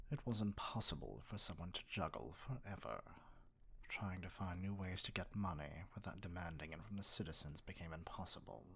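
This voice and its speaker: In an ASMR roleplay, a man plays an arrogant, dominant evil sorcerer king, speaking in a measured, condescending, breathy near-whisper. His voice is low, with a little hiss or hum in the background.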